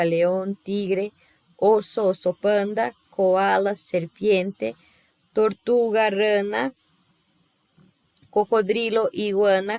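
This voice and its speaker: Slow, patient Brazilian woman teaching. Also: mid-range voice, no room sound. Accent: Brazilian Portuguese. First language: Portuguese. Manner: patient, explains step by step with frequent "tá?" and "né?" checks. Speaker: Spanish teacher. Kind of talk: recorded class lesson.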